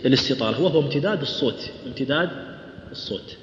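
A man teaching a tajweed class in a lecture hall. He explains quickly, asks his students questions and recites verse slowly. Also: medium pitch, lively intonation. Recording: echoey hall, dull lo-fi sound, faint hum.

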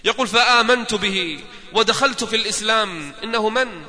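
A man's voice: sits high, a little fast, sharp tone. A man preaching a sermon, retelling stories with quoted dialogue and rhetorical questions to his listeners. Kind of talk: sermon storytelling. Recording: long hall reverb.

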